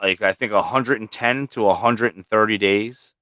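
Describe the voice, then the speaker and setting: A man talks loosely about his reptiles, sprinkling in swear words and fillers. His voice is bright and clean, with a crisp edge. The sound is dry, with no room echo. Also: on the low side, steady tone, normal speed. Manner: casual, swears often, many fillers. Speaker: livestream host and snake breeder. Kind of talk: casual chat.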